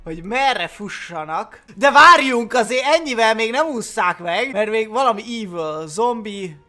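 High, bright-voiced excitable young gamer. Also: male voice. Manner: excitable, laughing, exclaiming. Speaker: gaming YouTuber. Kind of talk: excited gameplay commentary.

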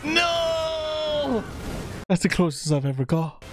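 A man's voice: medium pitch, lively intonation, normal speed, noisy background. A man in his thirties giving informal live gaming commentary with casual swearing, close on a desk microphone. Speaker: video game streamer. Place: small home streaming room, indoors. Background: game music.

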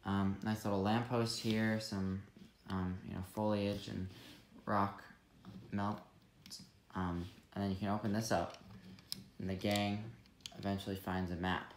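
A man's voice: on the low side, a little slow. A young man casually reviewing a toy set at a table, talking loosely with lots of fillers. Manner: relaxed, many fillers and trailing asides. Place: room at a table with toys. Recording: echoey room with clear background noise.

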